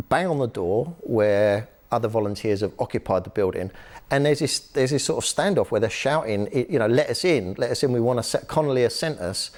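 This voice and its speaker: A man, an author and activist, explaining history in a relaxed interview, telling stories with lots of ums and restarts. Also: on the low side. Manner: lively storytelling with frequent fillers and restarts. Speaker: author and human rights activist, guest.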